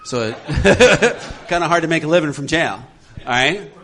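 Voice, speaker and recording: A man leading a recovery workshop for a group, animated and laughing often as he acts out voices. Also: a little high, normal speed. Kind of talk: talk to a group.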